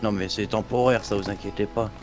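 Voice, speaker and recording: A man's voice: on the low side, steady tone, a little fast, music in the background. Probing man with a northern French accent. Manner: probing, questioning, joking. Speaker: lawman roleplay player. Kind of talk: in-character western roleplay.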